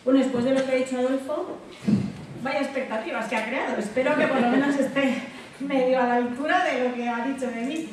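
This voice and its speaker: A woman with a Spain Spanish accent speaks as a guest at a public talk, casual and conversational, her voice fairly high and fairly quick. She's in an echoey indoor hall, picked up by a distant mic with background noise and heavy reverb.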